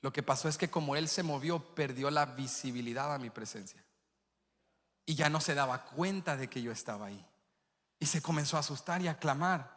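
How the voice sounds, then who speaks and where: A man's voice: fairly high pitch, fairly quick, fairly bright tone. A male pastor preaching a sermon, passionate and telling vivid stories. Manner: impassioned preaching with vivid storytelling. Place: church sanctuary. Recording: echoey church hall.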